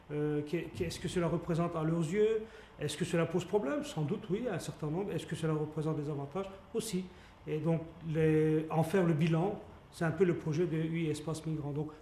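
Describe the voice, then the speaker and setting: Man, project spokesman, fairly high but mellow voice, echoey room. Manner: measured, poses rhetorical questions. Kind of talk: explaining a project in an interview.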